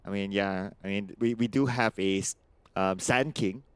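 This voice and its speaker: A man's voice: lowish voice, moderate pace, clean tone, dry recording. A man co-casting an esports event, teasing his partner in casual banter. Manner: teasing, playful quizzing. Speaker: esports caster.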